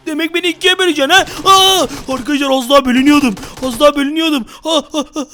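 A high-pitched man narrates a Minecraft role-play in loud, frantic bursts. He repeats words over and over as the action heats up and talks straight to his viewers. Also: very fast, slight background noise. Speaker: gaming YouTuber.

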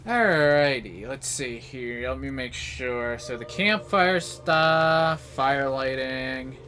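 Playing a video game with its music behind him, a male gaming host gives relaxed, offhand remarks, half muttering to himself. He speaks slowly in a mid-range voice that sounds pushed and bright, with slight background noise.

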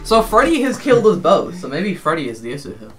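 High, lively, jumpy male game host. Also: quick pace, soft background music. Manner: jumpy, frightened yelps and nervous laughter. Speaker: channel host. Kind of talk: casual let's-play banter with friends. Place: indoors, with friends in one room.

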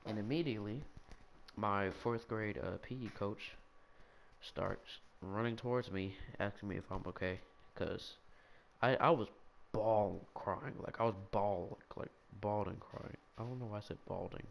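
A young man telling a childhood story in a rambling, animated, self-mocking way, with lots of restarts. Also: lowish voice, normal speed, creaky, slight background noise. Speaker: gaming video storyteller.

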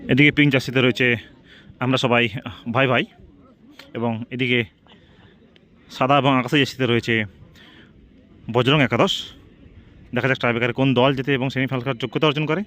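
A man's voice: medium pitch, steady tone, fast, long pauses, fairly bright tone. A man giving live football match commentary, repeating team names and phrases as he follows each shot. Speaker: football commentator and channel host.

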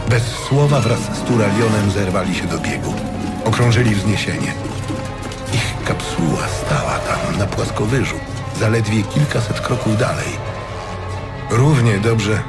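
A man narrates a fantasy audiobook like a dramatic storyteller, delivering scripted narration of the tale. His voice is on the low side and unhurried, with music playing behind him.

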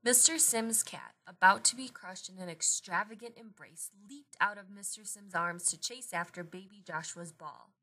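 Woman reading a children's picture book aloud, bright, expressive storyteller. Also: medium pitch, normal speed, few pauses. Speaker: storybook reader.

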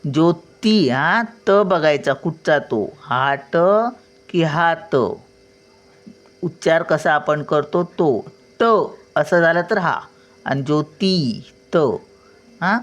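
An older woman gives a slow, unhurried lesson at home. She patiently spells out each letter and sounds out words syllable by syllable, often pausing to check that her learner is following. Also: deep voice. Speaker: teacher.

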